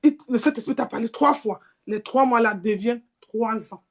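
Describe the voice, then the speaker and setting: High-voiced woman preaching a sermon. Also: normal speed. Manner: animated, shifts between shouting and near-whispers, acts out voices.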